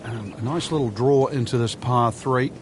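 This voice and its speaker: A man giving conversational golf commentary as the analyst, unhurried and explanatory with dry understatement. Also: mid-range voice, a little hiss or hum, natural voice.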